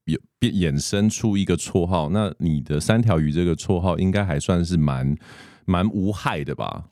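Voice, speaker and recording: A man's voice: low-pitched, moderate pace, darkish tone, dry recording, clean studio sound. A man with a Taiwanese Mandarin accent, hosting a podcast in a conversational way. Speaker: podcast host. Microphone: close podcast microphone with headphones.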